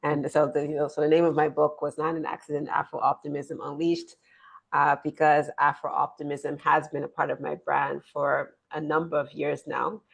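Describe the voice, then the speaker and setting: A woman's voice: sits low, little pitch movement, moderate pace, creaky, slightly rough. A woman in her forties, born in Nigeria and raised in the US, talking earnestly as an interview guest and often repeating words. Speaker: guest, business consultant. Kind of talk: interview conversation.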